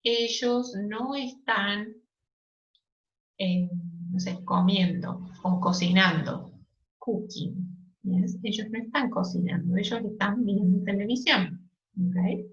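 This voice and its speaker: A woman teaching an English lesson, explaining slowly and patiently and checking in often with "yes?" and "ok?". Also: medium pitch, highs cut off. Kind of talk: recorded online lesson.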